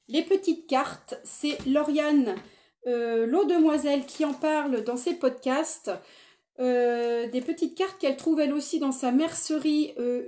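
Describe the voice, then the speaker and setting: Middle-aged woman gushing away to camera, warm mellow tone, slightly high voice, lots of ums. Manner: chatty, enthusiastic, many fillers and restarts. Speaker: knitting podcaster. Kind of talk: casual chat to camera.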